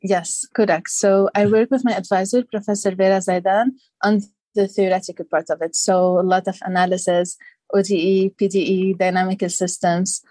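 A woman's voice: medium pitch, little pitch movement, normal speed, warm tone, dry recording. A young woman from Lebanon, a guest on an interview podcast, explaining her studies thoughtfully with many fillers. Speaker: guest, PhD candidate. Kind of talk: casual interview.

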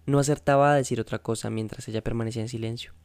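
A man narrating a first-person novel in a measured, intense way. His voice is warm and mellow. The recording is close and dry, with no room sound. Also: medium pitch, fairly even intonation, clean tone, no echo. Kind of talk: audiobook reading of a novel.

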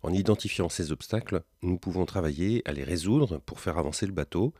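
A man hosting a podcast, calmly explaining a method and speaking directly to the listener. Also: deep voice, breathy edge, dry recording, clean studio sound. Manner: calm, measured, addresses listener directly. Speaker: podcast host.

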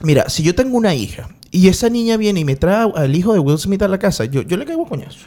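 A man's voice: high-pitched, big pitch swings, fast talker, warm tone. A young Venezuelan man co-hosting a casual comedy chat, joking and swearing freely. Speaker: podcast co-host.

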